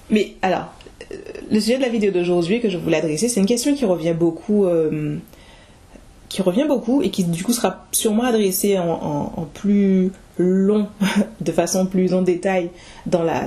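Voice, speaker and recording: A young French woman with a warm, somewhat low voice vlogs casually to the camera about online business. She thinks out loud, restarting sentences and tossing out rhetorical questions.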